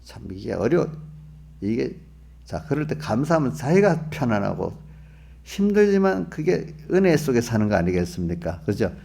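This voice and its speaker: A man's voice: mid-range voice, sing-song, normal speed, creaky, mellow. A male pastor giving an early-morning sermon to his congregation. He talks in a conversational way, often asks his listeners questions, and acts out the inner voices of believers. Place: church.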